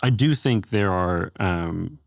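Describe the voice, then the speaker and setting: A man talking as an interview guest, a former government adviser, answering in a measured, thoughtful way with frequent fillers. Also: sits low, lively intonation, vocal fry, no room sound, clean studio sound.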